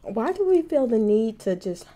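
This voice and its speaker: A woman's voice: on the high side, very animated, moderate pace, warm tone. A woman chatting casually to her viewers on a mukbang vlog, biting into food while she talks. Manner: chatty, addresses viewers as y'all. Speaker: mukbang vlogger. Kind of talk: casual chat while eating.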